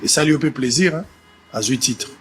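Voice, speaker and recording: A man's voice: mid-range voice, moderate pace, music in the background. A man, a journalist pressing questions with a teasing edge. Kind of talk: press interview.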